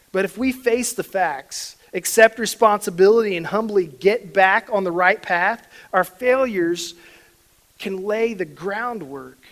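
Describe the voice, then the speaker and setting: A pastor delivering a sermon, swinging between quiet reflection and emphatic, louder stretches. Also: male voice, high voice, low-quality recording.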